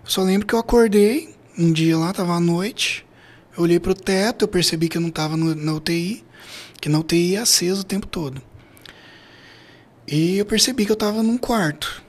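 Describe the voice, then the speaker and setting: Hoarse, gravelly-voiced Brazilian man. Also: high voice, a little fast. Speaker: podcast guest. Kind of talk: personal storytelling in a casual interview.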